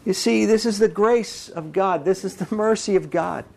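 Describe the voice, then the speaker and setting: A man preaching a sermon, animated and folksy, acting out little voices and dialogue as he speaks. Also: high voice, normal speed, gravelly. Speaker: pastor.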